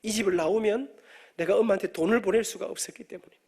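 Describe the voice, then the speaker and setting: A middle-aged man, preaching an animated storytelling sermon in a church and joking with the congregation. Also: high voice, very fast, husky. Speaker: guest preacher, professor. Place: church sanctuary.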